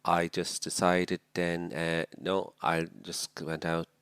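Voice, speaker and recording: Low-pitched and level, the voice of this sixty-something priest from Dublin, Ireland moves slowly, sounding a bit bright and smooth with no echo. Interviewed as a guest, he reflects aloud in a Dublin Irish accent, full of fillers and restarts.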